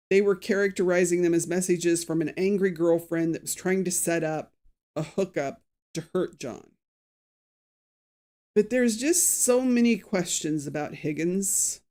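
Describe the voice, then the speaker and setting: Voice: medium pitch, warm tone. A true crime show host in a casual live recap, chatty and opinionated, greeting viewers by name and reading out quotes with added emphasis. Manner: reads out quotes with acted emphasis.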